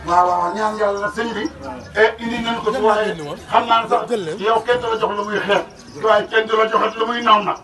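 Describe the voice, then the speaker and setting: A man's voice: high voice, steady tone, fairly quick. A man giving an earnest, emphatic religious address to a gathering. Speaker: religious speaker. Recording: echoey, from far off.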